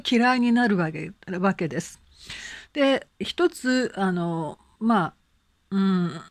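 In an online English conversation lesson, a woman with a mid-range voice speaks gently and encouragingly, using lots of fillers. She reads slow, careful English examples for learners to repeat, and the sound is clean studio audio with no room sound.

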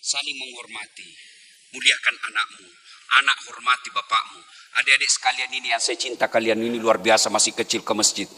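A man giving a humorous mosque sermon as a preacher, animated and jokey, acting out little dialogues for the congregation. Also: mid-range voice, a little fast. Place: large mosque. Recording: long hall reverb in a large mosque.

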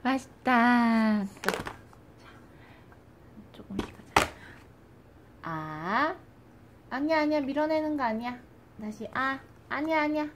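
A woman's voice: high-pitched, expressive, slow pace, long pauses. A young mother at home coaxing her baby to eat with playful sing-song baby talk. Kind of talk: casual home video. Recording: noisy home recording.

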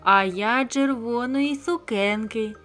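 A woman's voice: fairly high pitch, slow pace, fairly bright tone, soft background music. A woman voicing a group of vain, carefree little frogs boasting about their new clothes in a storybook tale. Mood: boastful.

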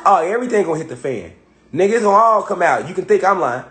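Reacting to rap songs, a thirtysomething male commentator confronts a rapper head-on, using heavy street slang. He talks quickly in a high-pitched, sing-song voice that comes across a bit bright.

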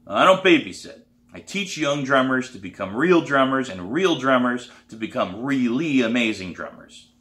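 A man's voice: lowish voice, lively intonation, moderate pace, a bit bright, echoey room. A man voicing a stern, no-nonsense male drum teacher who talks bluntly and firmly. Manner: blunt, firm, demanding.

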